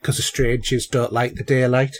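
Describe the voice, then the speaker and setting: Talking loosely about movies and TV, this male podcast co-host rambles and keeps restarting, with many fillers. He has a medium-pitched voice with a level tone and a moderate pace.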